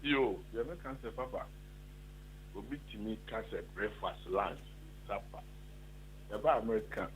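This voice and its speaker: A man with a Ghanaian accent calls into a radio talk show and argues emphatically, mixing Twi and English. His voice is fairly low, at a moderate pace with long pauses. It comes over a tinny phone line with slight background noise.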